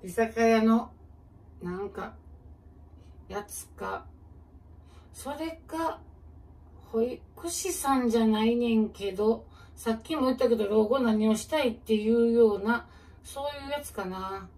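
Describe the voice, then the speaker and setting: A woman comedian with a Kansai accent, musing aloud in relaxed casual chat while she preps food, answering viewer comments. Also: a little high, unhurried, long pauses. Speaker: comedian and channel host. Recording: distant mic with faint kitchen noise.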